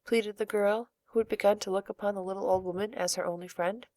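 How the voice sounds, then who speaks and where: Calm woman reading a storybook. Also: mid-range voice, fast talker, no echo. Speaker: narrator.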